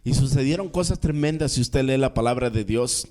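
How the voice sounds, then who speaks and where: A male minister preaching a sermon, telling a Bible story dramatically, swinging from soft low asides to raised emphatic lines and calling out amén. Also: fairly quick.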